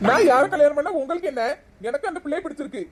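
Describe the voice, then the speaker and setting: A woman's voice: high voice, rapid-fire, noisy background. A woman acting in a comedy sketch, exasperated, mixing English words into her talk. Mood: defiant.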